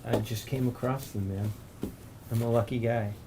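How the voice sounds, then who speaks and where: A man's voice: medium pitch, steady tone, normal speed, background noise. A man playing a tabletop game, speaking hesitantly and trailing off in casual in-character play. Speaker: player.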